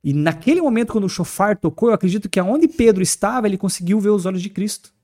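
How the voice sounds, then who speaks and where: A man with a Brazilian accent, a podcast guest, telling stories in a fast, animated way in a studio. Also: high voice. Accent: Brazilian Portuguese. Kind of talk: casual podcast talk on faith.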